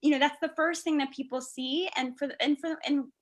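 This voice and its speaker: Middle-aged woman, higher pitch, dermatologist host, emotional storyteller who restarts sentences often. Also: steady tone, a little fast. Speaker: dermatologist hosting a panel. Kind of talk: conversational panel discussion.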